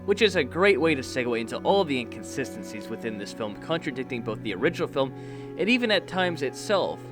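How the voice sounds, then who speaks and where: A man narrating a scripted film review voice-over in a brisk, wry manner, rattling off critical questions. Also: mid-range voice, sing-song. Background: background music.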